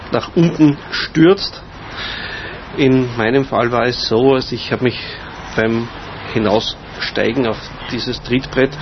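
A man giving a personal account in an interview, hesitantly searching for words. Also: mid-range voice. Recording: dull sound with faint vehicle noise.

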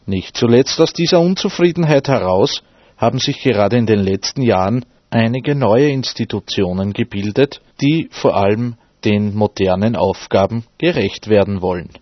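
A man reads a scripted radio report in a fairly low, husky voice. The recording is dull and lo-fi. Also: moderate pace. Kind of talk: scripted narration. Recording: husky-sounding, dull, echoey room recording.

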